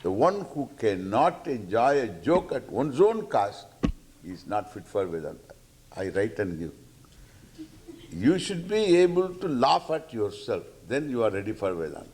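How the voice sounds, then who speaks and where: Slow, animated Indian man giving spiritual discourse. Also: on the low side. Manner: playful, acting out imagined questioners; halting, repeating phrases for emphasis.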